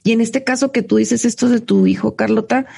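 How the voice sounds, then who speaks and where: A woman with a Mexican accent speaks with a gravelly edge. She rushes through thoughts in quick bursts and restarts her sentences often. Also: a little high, fairly even intonation, a little mellow. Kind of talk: reflective conversation.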